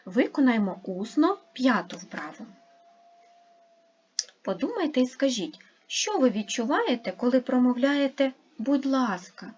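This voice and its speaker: A woman gives a children's lesson in a slow, deliberate way, spelling out each sound and syllable. Her voice is slightly husky and rises and falls a lot. The recording is a little dull and lo-fi. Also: high voice, sing-song, darkish tone. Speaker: primary school teacher. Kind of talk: online lesson for young pupils.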